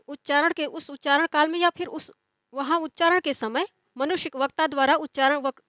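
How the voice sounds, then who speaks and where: High-voiced woman teaching Sanskrit grammar. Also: fairly bright tone, dry recording. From India. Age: young adult. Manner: repetitive, rephrasing as she explains. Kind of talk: explanatory lecture.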